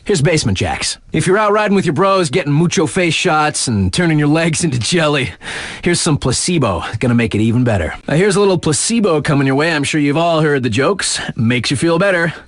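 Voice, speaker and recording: With a clean, echo-free studio sound, a man with a slightly high voice delivers brisk, animated, lightly acted DJ patter. He's voicing a cocky, easygoing young radio host in a snowboarding game, introducing tracks with breezy slang and wry remarks.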